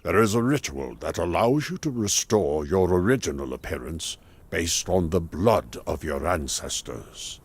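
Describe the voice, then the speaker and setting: An actor playing a calm, wise male mage in a game cutscene, explaining things in a measured way. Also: sits low, husky, exaggerated voice.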